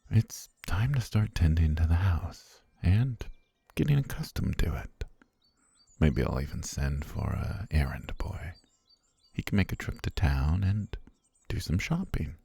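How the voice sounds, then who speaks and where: Here the same softly menacing ASMR character appears: an obsessive, refined butler keeping a princess captive, performed as a full character voice. The man's rumbling low delivery is breathy, gravelly, and half-whispered. No room sound can be heard.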